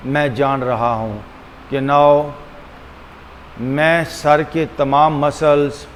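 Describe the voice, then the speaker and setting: Speaking with fairly even intonation in a slightly high voice, a male yoga and meditation teacher leads a very slow guided meditation. His instructions are deliberate and repetitive, with frequent pauses, moving between Hindi-Urdu and English, against a long hall-like reverb and a faint hum.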